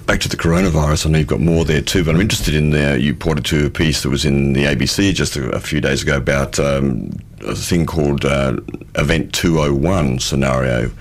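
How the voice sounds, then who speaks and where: Male co-host, extremely deep voice, musing and hesitant, conversational questioning. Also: steady tone, brisk. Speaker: radio show co-host. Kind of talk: conversational discussion, asking questions.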